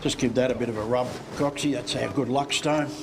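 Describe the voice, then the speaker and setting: A man's voice: mid-range voice, fairly even intonation, a little fast, over music. Laid-back Aussie tradesman, matey mine guide. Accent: Australian. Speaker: gold mine tour guide. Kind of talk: casual guided tour talk. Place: underground mine tunnel.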